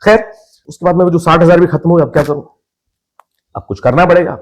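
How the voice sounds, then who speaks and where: A man's voice: a little high, fast talker, a little hiss or hum. Indian man telling his story. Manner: lively storyteller who acts out family members' voices. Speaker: podcast guest, actor. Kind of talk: casual storytelling in a podcast interview.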